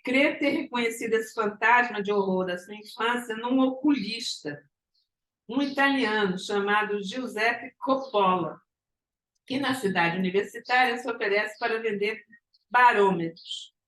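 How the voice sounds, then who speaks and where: A woman's voice: fairly high pitch, unhurried, fairly bright tone. A woman giving a lecture, retelling a story with frequent tag questions and restarts. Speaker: psychoanalysis lecturer. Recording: echoey room.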